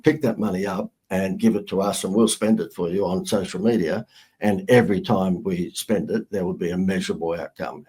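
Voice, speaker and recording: A man's voice: fairly low pitch, darkish tone, breathy edge. A middle-aged man with an Australian accent, a marketing guest telling brash, joking stories in a casual interview.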